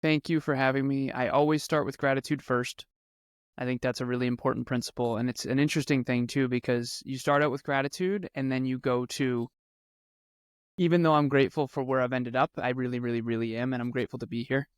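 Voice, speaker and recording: Man, 30s, podcast guest; earnest storyteller who repeats for emphasis, dry close sound, mid pitch. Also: steady tone, a little fast, clean tone, dry recording. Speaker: podcast guest, speaker and coach. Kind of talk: conversational interview storytelling.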